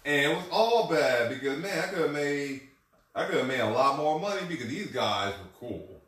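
A man's voice: a little high, lively intonation, normal speed, fairly bright tone. A man streaming a casual chat, rambling through a work story and acting out what people said. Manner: rambling storytelling, acts out quotes. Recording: echoey room, far from mic.

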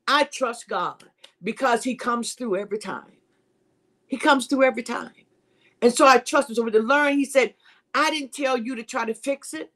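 A woman's voice: fairly high pitch, fairly bright tone. A woman hosting a live-streamed devotional teaching, preaching in a repetitive, emphatic, conversational way and greeting viewers by name. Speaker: host and Bible teacher.

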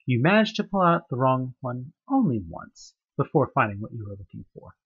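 An American man narrates a fan audioplay's horror story in the second person, speaking directly to the listener fairly quickly and very animatedly. His slightly husky voice swings widely in pitch, building tense, dramatic dread with rising questions, and the recording sounds dull and lo-fi.

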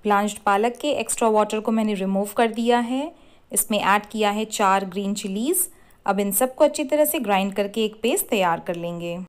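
A woman hosting a cooking channel, giving clear step-by-step recipe instructions in a scripted voice-over. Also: mid-range voice, moderate pace. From India.

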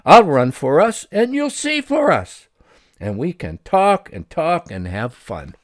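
A man's voice: on the low side, sing-song, unhurried, no room sound, clean studio sound. A man voicing a friendly, earnest blind young man in a storybook, polite and eager. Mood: warm.

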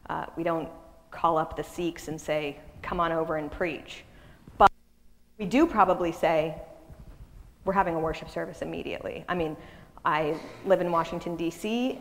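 A woman giving a public lecture on a wireless microphone, talking quickly and conversationally with asides and restarts. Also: on the low side. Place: lecture hall. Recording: reverberant hall.

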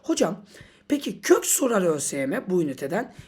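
A woman's voice: fairly low pitch, very animated, a little fast, a little mellow, slightly rough, voice pushed down. A woman voicing a puzzled student who asks the teacher naive questions. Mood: asking.

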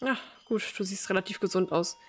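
A woman's voice: medium pitch, a little fast, slightly rough, lightly acted. A woman reading the lines of a polite, awkward young man in a game, speaking hesitantly and apologetically. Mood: apologetic.

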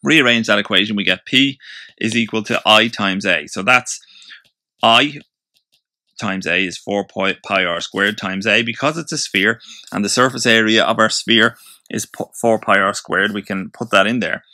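Speaking at normal speed in a low, bright and forceful voice, a man tutors physics informally, explaining each step of a problem while thinking aloud. There's no room sound in the recording.

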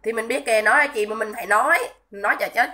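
This livestream commentator's voice is a little high, bright and pushed, moving at a quick pace. She scolds indignantly and repeats herself, breaking off her rants now and then to say hello to viewers.

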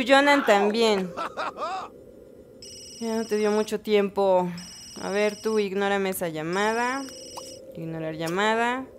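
A woman giving casual let's-play commentary, chatting to her game characters with bursts of excited exclamations. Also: medium pitch, a little hiss or hum. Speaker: gaming channel host.

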